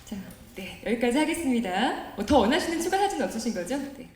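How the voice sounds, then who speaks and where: A woman's voice: fairly high pitch, big pitch swings, a little fast, darkish tone. A woman hosting a press event in the polite, cheerful, chatty style of a public radio host, coaxing and courteous. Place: indoor press conference room. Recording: roomy event hall with background noise.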